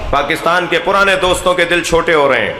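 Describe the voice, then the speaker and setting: A man with a Pakistani Urdu accent, preaching an impassioned sermon to a gathering, swinging between loud declamation and low, earnest speech. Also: a loud crowd, heavy background noise. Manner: oratorical, rising to loud declamation then dropping low. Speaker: Shia cleric addressing a majlis. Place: large imambargah hall. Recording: echoey hall with long reverb.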